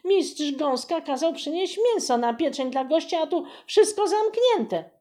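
A woman's voice: expressive, a little slow, mellow. A woman doing a panicky, breathless young kitchen boy. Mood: flustered. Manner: high, breathless exclamations.

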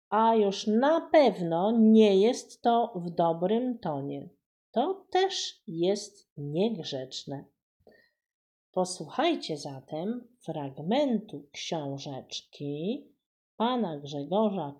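A woman reading a story aloud to children in a gentle, teacherly manner. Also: fairly low pitch.

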